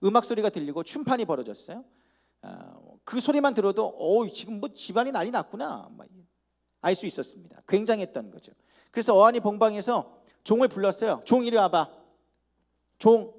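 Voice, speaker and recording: Lively animated male preacher. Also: sits high, a little fast, vocal fry. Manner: animated, acts out characters in comic asides. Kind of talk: sermon. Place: church hall.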